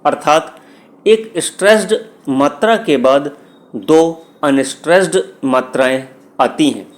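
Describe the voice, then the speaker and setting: A man teaching poetry, reading each English phrase slowly and then explaining it in Hindi, with an Indian English accent. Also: a little high, animated. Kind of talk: slow bilingual lecture.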